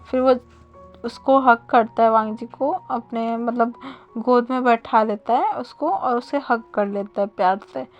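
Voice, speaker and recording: A woman's voice: a little high, measured pace, lo-fi sound, faint music behind. A woman casually retelling a fan story in a chatty way, with fillers and self-corrections.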